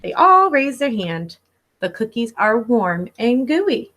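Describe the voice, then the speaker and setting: Taking her time, a teacher in her thirties reads a children's picture book in her living room, speaking straight to the kids with expression and guidance. Her voice sits on the high side, a bit bright, with big pitch swings.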